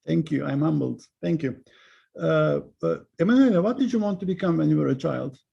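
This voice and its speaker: A man's voice: on the high side, fairly quick, creaky, dark tone, husky, dull audio. A man hosting an interview, asking brief, polite questions with some hesitation. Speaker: interview host.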